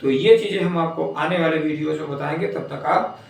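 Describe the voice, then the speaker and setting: Man, phonics teacher, spells words letter by letter, gravelly, far from the mic. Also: a little high, brisk. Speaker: English teacher. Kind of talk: phonics lesson. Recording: echoey room, distant mic.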